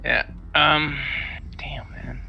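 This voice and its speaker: A man's voice: fairly high pitch, steady tone, very slow, creaky. A man playing in a tabletop game, mumbling his moves in an offhand way. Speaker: player. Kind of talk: casual tabletop play. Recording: dull lo-fi mic with faint noise.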